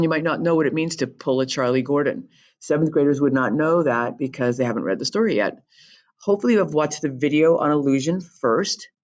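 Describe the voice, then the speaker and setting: In a deep voice, a woman teacher talks through a recorded lesson for her students, keeping it chatty and jokey and explaining things with quick asides.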